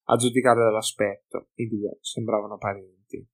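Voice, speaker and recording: A man reading a fantasy audiobook in measured, even narration. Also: fairly low pitch.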